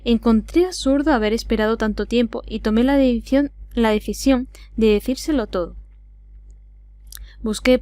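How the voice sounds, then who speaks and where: An audiobook reader with an Andalusian accent reads a classic adventure novel aloud as scripted narration. Her voice is slightly high and warm, with no room sound.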